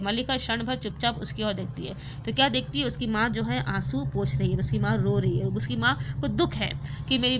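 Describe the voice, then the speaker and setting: A woman's voice: fairly high pitch, background noise. Woman teacher retelling a play. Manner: retells scenes with frequent fillers. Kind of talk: explaining a play to students.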